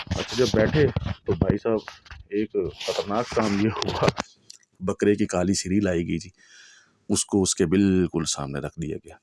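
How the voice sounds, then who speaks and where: Deep-voiced Punjabi man telling a spooky tale. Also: darkish tone, no echo. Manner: conversational, chatty, full of checks like "okay?" and "you know". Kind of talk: storytelling a true horror tale.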